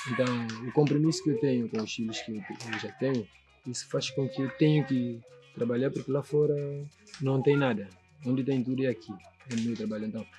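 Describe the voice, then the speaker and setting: A man from São Tomé with a São Tomé Portuguese accent, a sculptor speaking earnestly and reflectively in a documentary interview, often checking that the listener understands. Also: medium pitch. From São Tomé and Príncipe. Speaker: sculptor and painter.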